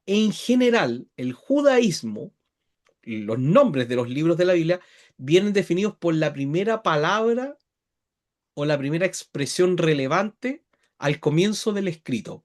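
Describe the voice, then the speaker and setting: A fairly high-voiced man gives an online Bible lesson. He explains step by step and often pauses to check that his listeners follow. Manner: patient explaining, checks in with frequent tag questions. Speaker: Bible teacher.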